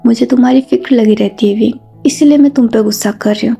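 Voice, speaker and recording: A stern, protective mother scolds her family out of worry, as a woman reads her lines. The voice sits a little high with a mellow, dark tone. Her talk stays insistent and firm. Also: fast, vocal fry, breathy edge, faint music behind. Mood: scolding. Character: stern worried mother, protective and quick to anger.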